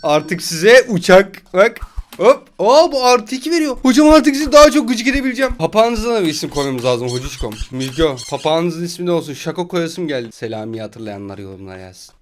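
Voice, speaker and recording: A young man giving playful, teasing gaming commentary, laughing often and breaking into shouts. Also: a little high, animated, a little fast. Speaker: gaming YouTuber.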